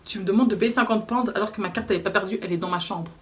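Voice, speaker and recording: Animated woman telling a storytime. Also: mid-range voice, very fast. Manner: animated storyteller acting out quotes. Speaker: vlogger. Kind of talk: storytime vlog.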